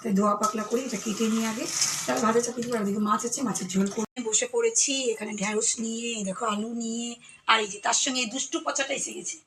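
A hoarse woman talks quickly and chattily, turning to her viewers as she moves around her home. Her voice sits a little high. Household clatter and kitchen noise are clearly heard behind her on a phone recording. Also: steady tone, fairly bright tone, low-quality recording. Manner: chatty, addresses viewers directly. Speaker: lifestyle vlogger. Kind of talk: casual home vlog narration.

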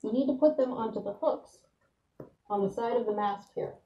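A woman's voice: on the high side, moderate pace, mellow, reverberant, lo-fi sound, slight background noise. A woman giving a casual how-to demonstration while speaking through a gas mask, chatty and plainspoken. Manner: chatty, plainspoken, laughs at herself.

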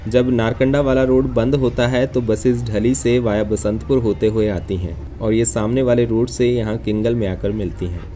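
A man narrating a bus journey for his travel vlog, calm and informative. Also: medium pitch, normal speed, hardly any pauses, a little hiss or hum. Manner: informative, matter-of-fact. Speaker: travel vlogger.

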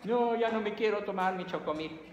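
A man's voice: high voice, normal speed, dull audio, pitched above the performer's own voice, natural voice. A man doing a whiny Mexican little boy. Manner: whining, plaintive. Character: whiny eight-year-old boy. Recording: echoey hall, faint noise.

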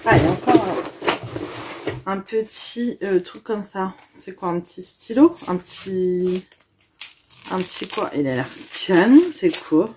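Young woman, casual unboxing vlogger, gushing and chatty, tired tone, medium pitch. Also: measured pace, background noise. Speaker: vlogger unboxing a gift box.

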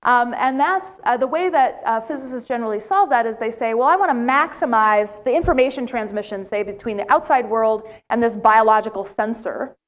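A middle-aged American plenary speaker addresses a large lecture hall in a fairly high voice, talking briskly with hardly any pauses. She keeps things animated with storytelling and questions to the audience.

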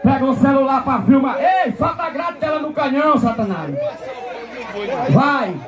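A man announcing a live rodeo, shouting, joking and egging on the crowd outdoors. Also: extremely high pitch, expressive, moderate pace, noisy background. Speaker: event announcer. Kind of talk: live bullfight-style rodeo commentary. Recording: loud crowd and music outdoors.

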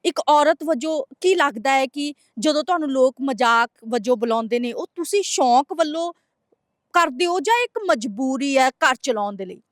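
Earnest high-voiced woman interviewer. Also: animated, normal speed, no echo, clean studio sound. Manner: earnest, probing questions. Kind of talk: interview questions and intro.

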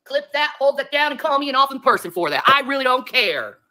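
Quick and pushed, with a bright high voice and big pitch swings, a woman tears into her critics on a livestream. The played clip is an angry, profane, confrontational rant.

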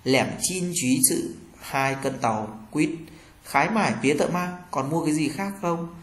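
A man's voice: a little high, normal speed, reverberant. A Vietnamese man teaching a language lesson, reading short example phrases and translating each one.

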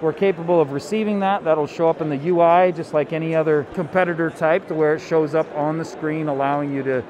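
A man's voice: a little high, steady tone, brisk, few pauses, dull audio, crowd noise. A man casually demonstrating a product at a convention booth, loose and enthusiastic with lots of fillers. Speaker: company representative.

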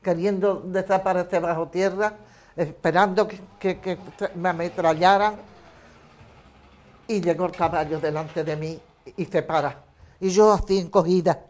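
Older female interviewee, personal testimony. Measured storytelling delivery, voicing quoted dialogue. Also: fairly low pitch, steady tone, a little mellow. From Spain. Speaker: eyewitness interviewee.

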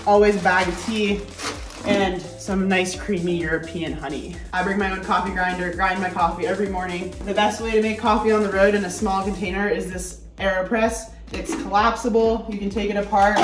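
A woman's voice: medium pitch, recorded from a distance. An upbeat young woman chats enthusiastically as she walks through a space, filming on a handheld phone. She sits a little away from the mic, and faint music plays underneath. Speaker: athlete giving a tour. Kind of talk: casual tour vlog. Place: ski service truck and apartment, indoors. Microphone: handheld phone camera.

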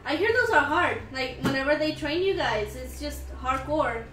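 Speaking at a moderate pace in a high, animated voice, a giggly woman reads out and answers viewer comments while co-hosting a casual live stream. She's in a small room, captured on a distant mic with roomy sound and faint background music.

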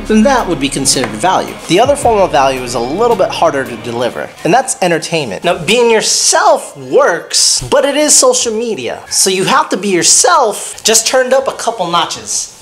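A man's voice: fairly high pitch, fairly bright tone. A man in his thirties vlogging straight to a close handheld camera at home, talking bluntly and swearing freely. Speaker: motorcycle vlogger. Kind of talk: direct-to-camera vlog. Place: home living room and garage, indoors. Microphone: handheld wide-angle camera close up.

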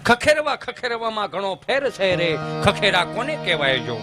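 A man's voice: high voice, big pitch swings, moderate pace, music in the background. A man with a Kathiyawadi Gujarati accent telling folk comedy stories on stage, acting out village characters with sudden voice shifts. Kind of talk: stage comic storytelling.

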